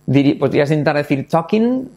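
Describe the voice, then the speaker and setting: A man from Spain with a Spain Spanish accent, teaching English in a casual online lesson, lively and playful, repeating words in mock English accents. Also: mid-range voice, normal speed.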